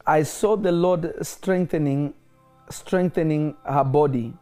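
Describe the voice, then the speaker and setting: Man prophesying, slightly high mellow voice. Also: slow, faint music behind. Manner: declaring, repeatedly asks if the listener is listening. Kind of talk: prophetic ministry over a phone call.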